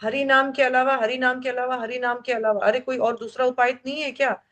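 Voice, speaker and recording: A woman's voice: high voice, fairly even intonation, brisk, a bit bright. A woman leading a devotional scripture class, stressing points by repeating them and mixing English words into her talk. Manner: emphatic, repeats key phrases three times. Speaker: devotional study group leader.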